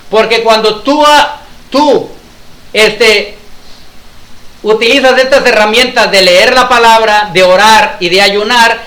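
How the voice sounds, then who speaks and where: Bright, high-voiced man preaching in echoey hall. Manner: emphatic, repeats points and asks rhetorical questions. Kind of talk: sermon. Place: congregation hall. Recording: echoey room.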